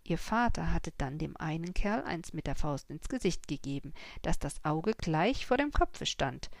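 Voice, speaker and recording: A woman narrates an audiobook in a measured storytelling manner. Her voice sits low with a gravelly fry. The sound is close and dry. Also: animated, no room sound.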